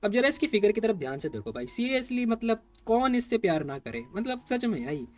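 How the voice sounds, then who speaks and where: A man's voice: sits high, big pitch swings, normal speed. A man telling a comic's story in a casual, chatty way, talking straight to his viewers. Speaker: manhwa recap narrator.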